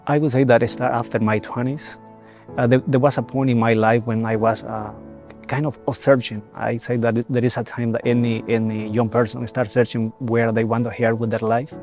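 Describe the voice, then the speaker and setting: Halting young man, gravelly. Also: medium pitch, little pitch movement. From El Salvador. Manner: halting, many repeated words and restarts. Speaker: seminarian. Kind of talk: reflective personal testimony. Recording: soft music behind.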